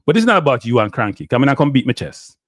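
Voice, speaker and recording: A man's voice: medium pitch, big pitch swings, racing, no echo, clean studio sound. A middle-aged man with a Jamaican accent hosting a live stream, lecturing viewers and answering chat, slipping in and out of patois. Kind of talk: ranting live stream commentary.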